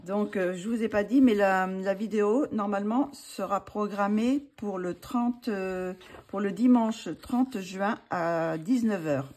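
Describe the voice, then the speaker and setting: A woman's voice: medium pitch, unhurried, darkish tone. A woman hosting her own channel, chatting casually and hesitantly with many fillers and restarts as she shows books. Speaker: channel host showing books for a giveaway. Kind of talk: casual chat.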